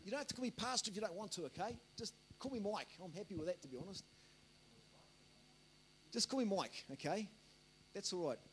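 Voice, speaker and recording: A man's voice: sits high, a little hiss or hum. A man preaching a sermon as the pastor, repeating himself and calling out to the congregation for amens. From Australia. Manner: rambling, repeats words, asks the congregation for amens.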